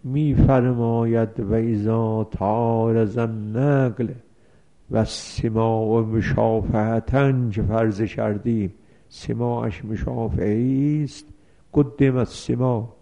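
A man's voice: lowish voice, fairly even intonation, dark tone. A man teaching a seminary lesson on religious law, reading out Arabic passages and explaining each one with worked examples. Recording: dull lo-fi recording.

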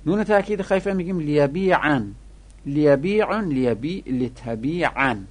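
A man's voice: fairly high pitch, animated. Man chanting grammar drills in lessons. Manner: drills verb forms in slow, sing-song chanted repetitions; corrects printing errors in the textbook. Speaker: Arabic grammar teacher. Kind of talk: classroom lecture.

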